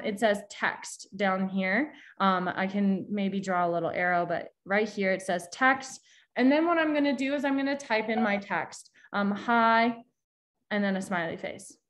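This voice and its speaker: A young woman guest expert giving a chatty live tutorial over a video call, explaining step by step with frequent restarts. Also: mid-range voice. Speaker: social media guest expert.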